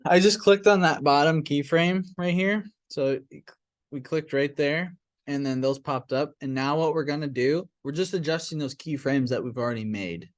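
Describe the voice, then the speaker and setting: A young man teaching a class, walking students through software steps in a casual way, with fillers and chuckles. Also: fairly high pitch, normal speed, dry recording.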